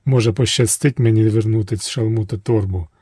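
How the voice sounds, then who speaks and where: Man doing a steady young hero. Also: lowish voice, a little fast, slightly rough, no room sound, clean studio sound. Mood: firm.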